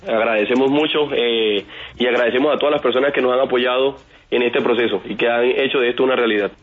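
An earnest young inventor guest from Antioquia, in his twenties, answers radio questions by phone, the line sounding tinny, and leans on many fillers. His Antioquian accent has Caribbean coast touches. His medium voice has a breathy edge and fairly even intonation at a quick pace.

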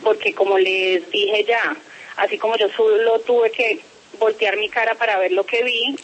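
A woman speaks over a muffled telephone line, with a faint hiss behind her. She is firm and insistent, keeping her wording formal as she answers an interviewer's questions. Her pitch sits in the middle for a woman. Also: steady tone, unhurried. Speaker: interviewee, parent making a complaint.

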